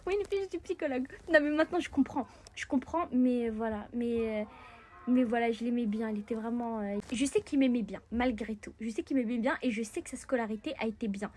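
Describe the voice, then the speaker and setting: A young woman telling an animated, rambling storytime to camera, often restarting her sentences. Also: fairly high pitch, a little fast, slight background noise. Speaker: content creator.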